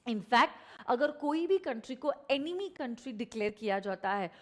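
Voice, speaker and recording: A woman's voice: fairly high pitch, expressive, normal speed. An Indian woman teaching law in a live online lecture. She mixes Hindi and English, repeats key phrases for emphasis, and puts questions to her students. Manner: addresses students directly, asks them questions.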